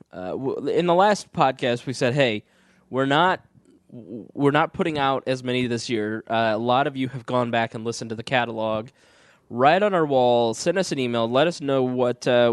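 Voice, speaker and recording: This young man co-hosts a laid-back podcast chat, cracking jokes and sometimes reading the news aloud. His medium-pitched voice is slightly phlegmy from a cold he's getting over. The recording is clean studio sound without any room sound.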